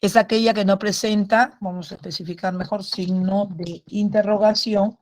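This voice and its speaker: A woman's voice: medium pitch, fairly even intonation, normal speed. A woman teacher giving an online grammar lesson, patient and explanatory, repeating key points and checking in with short tag questions.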